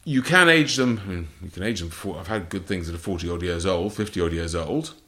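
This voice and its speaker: Low-sitting and sharp in tone, his voice moves a little fast as this English port wine author gives interview answers. His manner is exact and explanatory, reeling off facts in clipped snippets.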